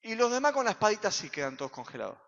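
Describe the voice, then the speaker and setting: A man with an Argentine accent, a pastor preaching a sermon in a church, full of rhetorical questions and sudden shouts. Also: high voice, big pitch swings, rapid-fire, vocal fry. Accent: Argentine Spanish. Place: church sanctuary. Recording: reverberant hall, dull sound.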